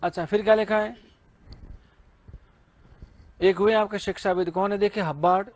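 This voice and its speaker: Man, high-pitched, Hindi accent, lecture, keeps asking questions and answering them himself. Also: steady tone, normal speed. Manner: asks and answers his own questions, mixing in read-out English. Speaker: English teacher. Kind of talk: exam-prep lecture.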